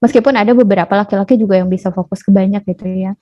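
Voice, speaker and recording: A woman's voice: mid-range voice, steady tone, racing. A woman giving a casual online parenting class, chatty and now and then acting out a scolding parent. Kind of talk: casual online webinar talk. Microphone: video call. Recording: dull lo-fi webinar audio.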